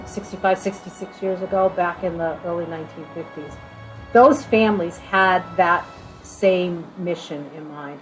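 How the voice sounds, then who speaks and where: A woman giving an informal corporate training video talk as an organization leader to new staff, conversational and halting, repeating phrases for emphasis. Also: low voice, rough recording.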